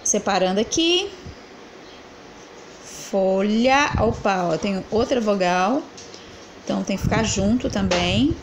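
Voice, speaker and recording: A woman's voice: mid-range voice, expressive, moderate pace, background noise. A woman teacher correcting exercises in a lesson, asking the class questions and answering them herself as she counts syllables aloud.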